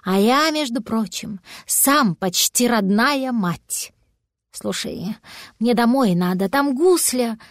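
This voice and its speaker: Casual: lady voicing a grumpy worried tomcat, stubborn but soft, dry close voice. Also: a little high, animated, takes it slowly, dry recording. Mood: weary. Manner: grumbling, worried. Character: fretful male cat, stubborn and soft-hearted.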